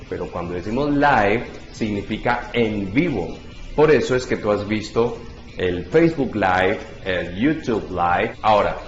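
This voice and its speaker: A man giving an English lesson, explaining verb endings methodically and spelling out each example slowly. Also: on the low side, dull audio. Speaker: English teacher. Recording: roomy echo with faint background music.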